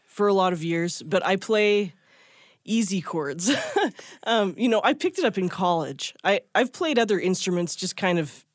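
Over guitar music, a woman who is a guest musician and teacher recalls something from her own life, talking casually and poking fun at herself with small laughs. Her medium-pitched voice is expressive and paced normally, and the sound is clean studio audio without echo.

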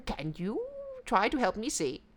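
A woman voicing a sly, cackling old male jackal who plays confused, with a high, giggly voice full of laughter. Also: sing-song, a little slow. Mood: fake-puzzled. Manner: fake-confused, playful, sing-song.

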